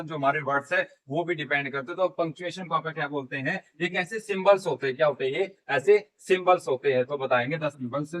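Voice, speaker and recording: A man gives a grammar lesson in Hindi sprinkled with terms, posing questions and answering them himself. He slowly dictates key phrases one word at a time. His tone is slightly high and fairly bright, and the recording quality is low.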